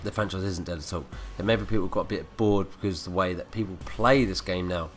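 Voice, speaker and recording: A man's voice: low voice, a little fast. A man with a blocked nose from a cold, ranting and swearing through gameplay commentary. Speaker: gaming commentator. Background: faint background music.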